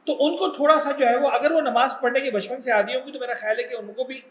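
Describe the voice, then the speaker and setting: High-voiced man lecturing a pilgrimage class. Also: fairly even intonation, fairly bright tone, echoey room. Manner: conversational, mixes English words, asks the audience questions. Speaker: cleric teaching a pilgrimage class.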